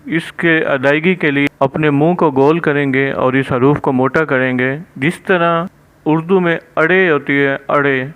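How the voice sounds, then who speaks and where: A man's voice: fairly high pitch, a bit bright, clean tone. A man with a Pakistani Urdu accent teaching Quran letter sounds step by step, holding the letters long and stressing them. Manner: drawn-out, emphatic letter sounds between plain explanations. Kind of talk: step-by-step recitation lesson. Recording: dull lo-fi recording.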